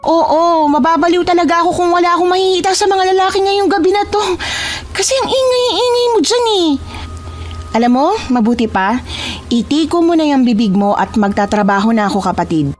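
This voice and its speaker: A bratty, boy-crazy twin sister taunts and sneers, as a woman puts her on. Her voice sits high and climbs sharply when she mocks. Soft music hums under the narration. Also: animated, fairly quick. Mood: taunting. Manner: shrill, mocking, vain. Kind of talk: dramatized storytelling.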